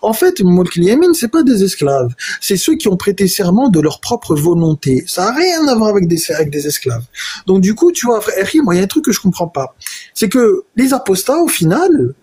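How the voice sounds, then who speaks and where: A man with a husky, slightly breathy voice argues in a heated live online debate. His pitch swings widely as he presses his point, and his dark, mellow tone stays the same throughout. He trips over restarts but keeps returning to the same verses. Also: very animated. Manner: argumentative, insistent, cites verses repeatedly; halting, with many restarts. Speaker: debate participant.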